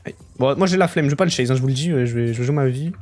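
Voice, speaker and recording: A young man chatting casually with his viewers while he plays a game, swearing easily and breaking into excited outbursts. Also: mid-range voice, very fast. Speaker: streamer. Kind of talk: casual live-stream commentary while gaming.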